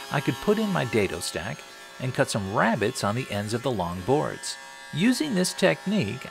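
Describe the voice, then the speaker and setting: A middle-aged American man hosts a woodworking channel, narrating a scripted tutorial with wry, tongue-in-cheek humor. His medium-pitched voice has vocal fry, and there's a little hiss or hum.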